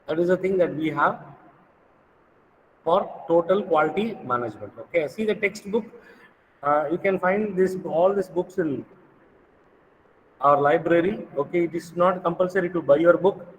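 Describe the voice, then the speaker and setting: A man's voice: high-pitched, in a large hall, slight background noise, rough recording. A man with a Tamil accent giving an informal, instructive lecture to students, often repeating his phrases.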